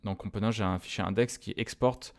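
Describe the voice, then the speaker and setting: A man's voice: lowish voice, fairly quick, vocal fry. Chatty man with constant hesitations. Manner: hesitant, many "euh" fillers and restarts; relaxed and chatty, talks directly to viewers. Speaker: web developer teaching a coding tutorial. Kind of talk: screencast coding lesson.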